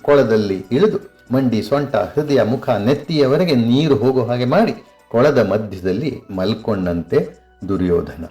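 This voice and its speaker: A man in his sixties, a retired lecturer, retelling an ancient epic in an expressive, conversational way and chanting the odd line of verse. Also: mid-range voice. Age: 60s. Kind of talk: epic storytelling on community radio.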